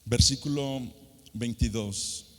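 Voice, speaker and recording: A middle-aged pastor from San Luis Potosí, speaking with a Mexican accent, preaches to young people at a youth conference in a large hall. His voice is medium-pitched, slow and a bit bright, using sung emphasis and rhetorical questions. The recording carries long hall reverb.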